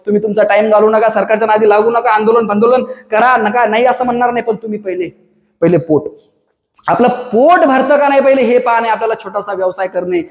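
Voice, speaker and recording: Fiery high-voiced man. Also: fast talker. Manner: fiery, ranting, many rhetorical questions. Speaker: coaching class owner giving advice. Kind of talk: impassioned monologue to camera. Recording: echoey room with long reverb.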